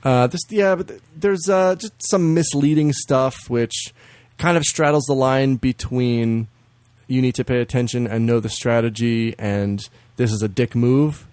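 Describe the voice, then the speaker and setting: A man co-hosting a podcast in casual chat, swearing freely, laughing often and jumping into high silly voices to mimic games. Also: a little slow, a little mellow, smooth, no room sound. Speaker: podcast co-host.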